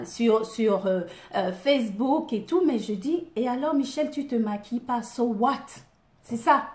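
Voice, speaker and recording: A woman's voice: on the high side, echoey room. A woman with an African French accent hosts a casual live video as a coach, chatting to viewers by name, laughing and poking fun at herself. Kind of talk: casual live stream chat.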